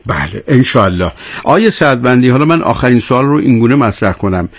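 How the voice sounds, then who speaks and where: A man's voice: fairly low pitch, dry recording. A man interviewing a guest on radio, putting formal questions and giving brief affirmations.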